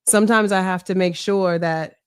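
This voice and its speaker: In a medium-pitched, steady, clean-toned voice, this middle-aged woman running for mayor talks earnestly in a candid interview. She's measured and reflective, with a strong voice, and keeps tagging her points with "right?". The studio-quality sound has no echo.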